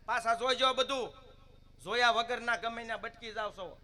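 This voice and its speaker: A man voicing a nagging wife who keeps calling after her husband, in a shrill, insistent voice. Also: normal speed, pushed and bright, heavily acted.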